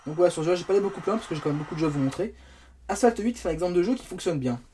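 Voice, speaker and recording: A man's voice: high voice, lively intonation, very fast, warm tone. A man reviewing a phone, chatting casually while he plays games on it, with self-mocking asides. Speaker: tech reviewer. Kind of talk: casual game-testing commentary. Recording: faint background noise.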